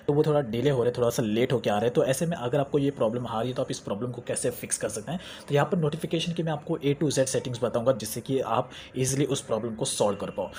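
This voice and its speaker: Young male tech tutor, rapid chatty delivery, mid pitch, faint room hum. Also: darkish tone. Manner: chatty, repeats phrases, mixes English terms into Hindi. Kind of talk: screen-recorded how-to tutorial.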